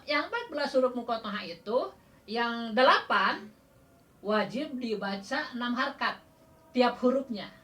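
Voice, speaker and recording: A woman's voice: a little high, fairly bright tone. A woman with a Sundanese accent teaching Quran recitation in a casual class, quizzing her students and chuckling often. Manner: counts out drawn-out letters as demonstration. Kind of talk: informal classroom lesson.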